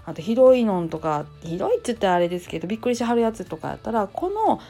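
Soft background music plays as a woman talks at a racing pace in a mid-range voice. She is a nurse and temple priest's wife hosting her own channel, chatting solo in a lively Kansai accent and hedging with plenty of fillers.

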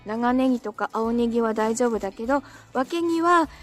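A woman with a slightly high voice hosts a casual live audio stream, reading listener comments and thanking them. She is chatty and laughs often, and her throat sounds dry. Faint music plays underneath. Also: animated, brisk.

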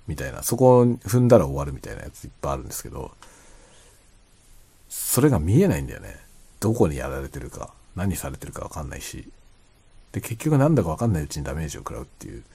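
A man chatting casually and quietly late at night, rambling as he explains, often trailing into soft asides. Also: creaky, husky. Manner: quiet, low-voiced late-night talk. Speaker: streamer chatting to listeners.

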